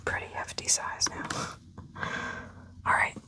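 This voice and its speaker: Speaking in a soft whisper, this unboxing video host talks through an ASMR unboxing slowly and quietly, almost like she's thinking out loud to herself.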